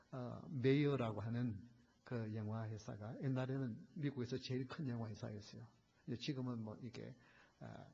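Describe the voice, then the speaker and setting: A male pastor preaching a sermon, addressing the congregation often and switching between hushed, almost whispered asides and loud, fervent climaxes. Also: mid-range voice, breathy edge. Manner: storytelling with many fillers and repeated direct address to the congregation. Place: church sanctuary. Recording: dull, lo-fi church recording.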